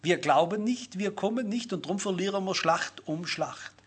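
A man's voice: high-pitched, animated, moderate pace, slightly rough. A man preaching a sermon, earnest and speaking directly to his listeners. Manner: earnest, addresses listeners directly with rhetorical questions.

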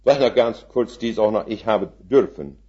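Older male preacher in his seventies, low voice, folksy storytelling sermon, mixes in English words, muffled lo-fi sound. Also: moderate pace, warm tone. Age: 70s. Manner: folksy, rhetorical questions to the congregation. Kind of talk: sermon with illustrative stories.

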